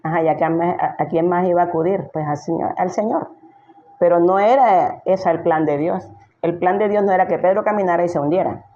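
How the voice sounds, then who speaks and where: A woman's voice: lowish voice, dark tone, lo-fi sound, a little hiss or hum. A woman pastor giving an emphatic sermon, full of rhetorical questions she answers herself.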